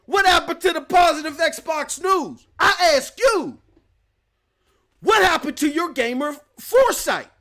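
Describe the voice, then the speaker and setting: A man hosting a live gaming news stream, firing off rhetorical questions and slang in a fervent rant. His voice sits high and swoops up and down with energy. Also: expressive, a little slow, bright, forceful tone.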